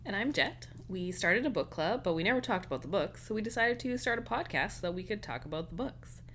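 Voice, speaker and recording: A woman's voice: mid-range voice, expressive, brisk, a bit bright, slight background noise. A woman co-hosting a book podcast in casual chat, laughing often and trailing off mid-sentence. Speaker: podcast co-host; writer.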